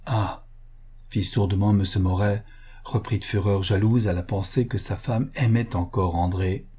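A man narrating a novel as an audiobook in a measured, even reading. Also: lowish voice, breathy edge.

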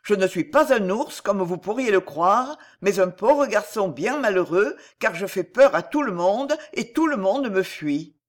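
A woman voicing a gentle, sad young boy who looks like a bear, speaking softly and sadly. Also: medium pitch, lively intonation, unhurried, hardly any pauses. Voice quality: soft and sad.

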